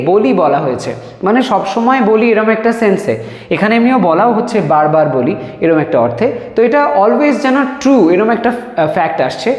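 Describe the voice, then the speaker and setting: A man teaching a spoken English lesson, explaining each sentence, then reading the examples out slowly and drawing them out. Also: sits high. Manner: slow, drawn-out dictation of example sentences. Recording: echoey room with long reverb.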